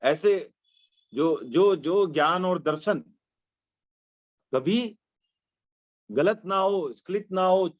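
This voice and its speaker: Guy teaching a prayer slowly, bit high voice, dull lo-fi class recording, asks himself questions. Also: lively intonation, dry recording. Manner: asks and answers his own questions; mixes English words into his explanation. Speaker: religion teacher. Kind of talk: explaining a prayer text line by line.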